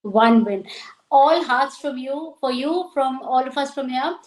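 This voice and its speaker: A woman's voice: high voice, unhurried. A woman hosting an interview, affirming her guest and echoing his words back as he talks. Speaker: interview host. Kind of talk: casual conversational interview.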